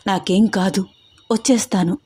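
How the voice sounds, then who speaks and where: A woman's voice: mid-range voice, steady tone, moderate pace, mellow, breathy edge, no room sound, studio quality, natural voice. A woman voicing a frightened young woman who mutters in tense indignation. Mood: anxious.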